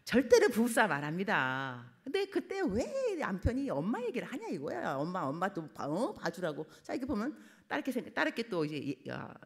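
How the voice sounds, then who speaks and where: A middle-aged woman missionary preaching a sermon in a church, acting out quoted family talk in lively voices. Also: fairly low pitch. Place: church sanctuary.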